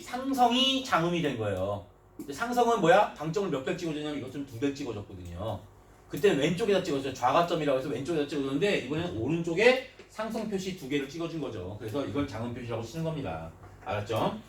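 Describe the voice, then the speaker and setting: A man teaching a grammar class, often checking in with his students through short questions and moving between polite and casual speech. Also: sits high. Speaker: Korean language teacher. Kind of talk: classroom lecture. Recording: echoey room, mic at a distance, faint noise.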